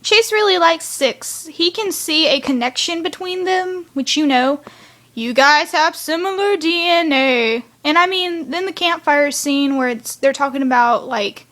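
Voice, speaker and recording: A woman's voice: sits high, unhurried, a bit bright. A woman rambling through a casual review of a cartoon episode, chatty, with sighs and side remarks. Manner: chatty, rambling, sighing asides.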